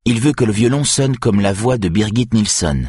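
A man reading an audiobook, voicing a gruff, touchy middle-aged violin maker who answers curtly. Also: fairly low pitch, expressive, normal speed, a little mellow, no room sound, studio quality, pitched above the performer's own voice. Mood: curt, defensive. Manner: curt, defensive.

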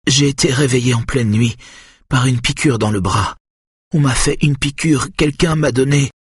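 A man's voice: mid-range voice, lively intonation, moderate pace, a bit bright, breathy edge, no room sound, clean studio sound, pitched above the performer's own voice. A man voicing a distraught young mother who pleads weakly through tears in an audiobook. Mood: desperate. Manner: breathless, pleading and tearful.

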